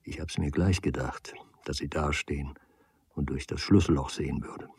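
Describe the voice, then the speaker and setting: A man reading the lines of a strange, restrained young man who speaks quietly. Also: deep voice, lively intonation, normal speed, breathy edge, no room sound, heavily acted. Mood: hushed. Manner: hushed, restrained.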